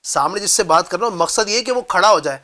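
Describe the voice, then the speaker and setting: A man recounting a moral tale in an easy conversational way on a religious talk show. His voice is high and bright, and his storytelling comes across as lively and engaged. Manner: storytelling, affirming with short interjections.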